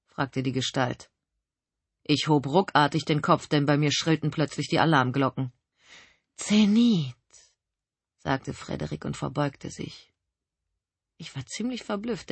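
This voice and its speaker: A woman narrating a first-person novel as an audiobook, reading in an expressive, dramatic way. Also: low voice, slightly rough, no room sound.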